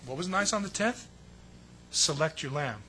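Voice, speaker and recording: A man preaching a sermon with emphatic delivery, swinging between loud stressed phrases and hushed asides. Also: on the high side, expressive, normal speed, slight background noise. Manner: acts out quotes in a raised voice. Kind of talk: sermon teaching.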